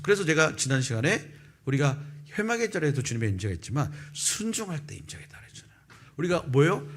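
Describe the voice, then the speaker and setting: A man in his fifties preaches a sermon in a church, telling his own testimony and acting out every person in the story. His voice is slightly high and husky, and he rushes through the telling. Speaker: pastor. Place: church sanctuary.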